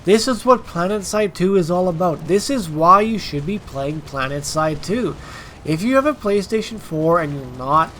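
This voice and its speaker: A man's voice: on the high side, fairly bright tone, a little hiss or hum. A man with a congested, stuffed-up nasal voice from allergies, hosting informal, emphatic gameplay commentary straight to his viewers. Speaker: gaming video host.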